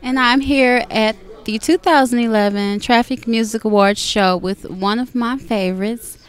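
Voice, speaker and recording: A woman hosting a red carpet interview in a gushing, flattering chatty manner. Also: on the high side, normal speed. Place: busy red carpet event.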